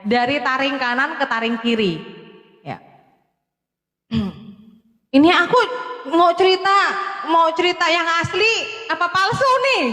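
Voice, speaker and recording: A woman's voice: very high voice, measured pace, pauses often, pushed and bright, reverberant, long reverb tail. A woman from Madura, chatting casually on a live stream, laughing often and answering viewers by name. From Madura, Indonesia. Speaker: live-stream host giving testimony.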